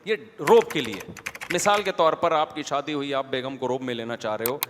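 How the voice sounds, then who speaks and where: A man's voice: medium pitch, slight background noise. A man preaching an Islamic lecture in a conversational way, putting rhetorical questions to his listeners. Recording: long hall reverb.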